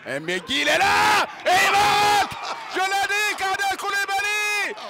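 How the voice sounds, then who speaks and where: A man giving excited play-by-play football commentary with shouted, drawn-out exclamations. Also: very high-pitched. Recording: stadium crowd and faint noise.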